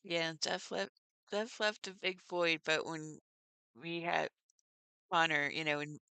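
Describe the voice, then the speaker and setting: A woman's voice: deep voice, steady tone, slow, clean tone, dry recording. Chatty, laughing woman livestreaming to viewers. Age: middle-aged. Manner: chatty, laughs often, warm toward viewers. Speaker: livestream host. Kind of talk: casual chat with live viewers.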